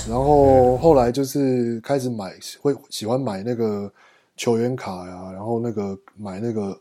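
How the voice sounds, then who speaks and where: A man with a Taiwanese Mandarin accent talks casually among friends. His voice sits fairly low, with a dark, mellow tone and a clearly husky edge. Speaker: podcast guest.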